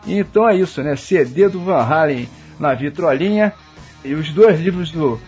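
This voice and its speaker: A man's voice: on the high side, normal speed, faint music behind. Chatty Brazilian man hosting radio. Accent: Brazilian Portuguese. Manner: relaxed and chatty, often adding "né?". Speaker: radio host. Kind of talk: casual radio chat about rock music. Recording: slightly dull radio sound.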